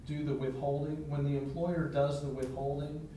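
A man delivers a legal report in a council chamber, his tone level and steady. He explains carefully and pauses often. The sound is very echoey, picked up from far across the room under heavy noise. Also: fairly high pitch. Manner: measured, explanatory, with frequent pauses. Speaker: village law director. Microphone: distant room mic.

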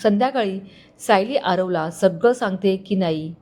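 Woman reading a dramatic story out loud, lots of expression. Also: medium pitch, normal speed. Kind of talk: scripted story narration.

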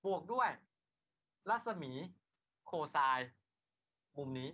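A man's voice: a little high, sing-song, slow pace, bright, forceful tone. A man lecturing an engineering class. He asks his students rhetorical questions and then answers them himself. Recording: lo-fi lecture recording.

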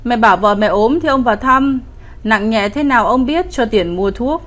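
Cruel old lecher of a village lord bossing people around in a ghost story, read by a woman, higher voice. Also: brisk, a bit bright, lightly acted. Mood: bullying. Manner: bullying and commanding, falsely sweet when coaxing.

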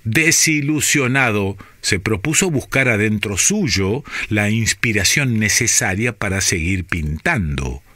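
A man with an Argentine accent, reading a scripted story for radio in a measured, deliberate way with dramatic pauses. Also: fairly low pitch, lively intonation, bright, forceful tone, no echo, clean studio sound. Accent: Argentine Spanish.

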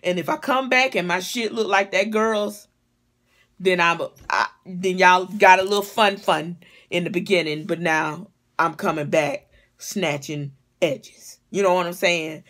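With a fairly low, unhurried and fairly bright voice, a middle-aged hair stylist who vlogs rants comedically and conversationally, cursing bluntly in exasperation. The clip was captured indoors on a device mic in a small home room.

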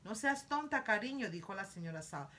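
An indulgent wealthy mother speaks in a soothing, coaxing way to calm her demanding child, as a woman reading a storybook puts her on. The voice is bright and gentle, with a pleading softness. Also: medium pitch, brisk.

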